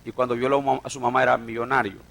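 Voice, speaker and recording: A man preaching a sermon as a pastor, telling a story and swinging between loud and hushed delivery. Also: medium pitch, level tone, racing, gravelly.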